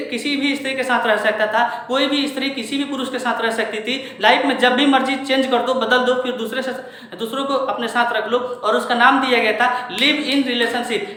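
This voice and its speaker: Speaking in a very high, bright and forceful voice, this teacher from India lectures rhetorically and asks his audience questions head-on. The recording has heavy room echo.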